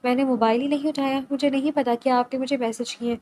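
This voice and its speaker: A tearful young college student, read by a woman speaks plaintively in a narrated romance. The voice is high. It stays close to the reader's own. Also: fairly even intonation, darkish tone, a little hiss or hum, close to an everyday voice. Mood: quiet.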